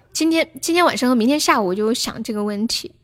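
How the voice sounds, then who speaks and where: High-voiced young woman livestream host. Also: expressive, moderate pace, a little hiss or hum. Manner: chatty, laughs often, reads out viewer names. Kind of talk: casual livestream chat.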